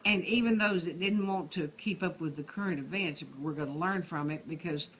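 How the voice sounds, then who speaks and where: Amid noisy room ambience, an elderly Texas-accented woman talks fairly quickly in a lowish voice. She is a retired schoolteacher being interviewed, reminiscing in a rambling, conversational way and restarting phrases.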